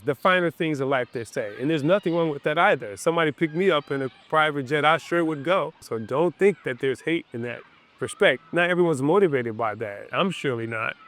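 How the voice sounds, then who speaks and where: A man's voice: medium pitch, fairly bright tone. Earnest man giving a reflective outdoor talk. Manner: earnest, repeats key points, speaks in short phrases. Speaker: business coach. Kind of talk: reflective motivational talk to camera. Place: outdoors in a park.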